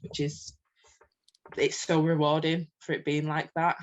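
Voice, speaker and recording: A middle-aged woman speaking as a coaching client, searching for words with frequent ums and a halting, self-conscious manner. The sound is dull and lo-fi, like audio from a call. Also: deep voice, flat delivery. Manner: hesitant, many ums, self-conscious laughs. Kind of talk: candid conversational talk.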